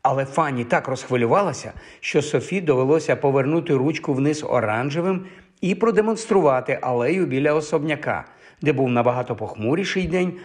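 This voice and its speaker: A man narrating a fantasy audiobook in a measured, expressive storytelling manner. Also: mid-range voice.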